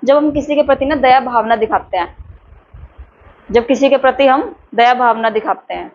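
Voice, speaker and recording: A woman teacher, lecturing a class and slowly dictating terms for notes in a chatty way. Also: high-pitched. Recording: dull lo-fi with faint background noise.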